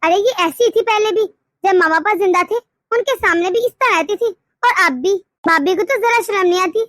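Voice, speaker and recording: A woman's voice: very high voice, normal speed, a bit bright, no echo, clean studio sound. A woman voicing a grumbling, accusing sister-in-law in a cartoon story. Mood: resentful.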